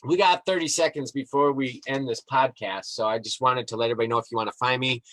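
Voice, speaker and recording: Male podcast host, casual and rambling, reads passages aloud, mid-pitched voice, dry close sound. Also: no room sound, poor audio. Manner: relaxed, rambling, with fillers and chuckles. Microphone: live-streamed podcast mic.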